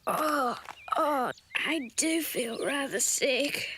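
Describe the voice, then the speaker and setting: A woman voicing a timid, polite young boy rabbit in an animated children's story, fretful and plaintive. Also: high-pitched, extremely slow, noisy background, heavily acted. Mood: queasy, uneasy. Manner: plaintive, fretful, well-mannered. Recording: music behind the voice.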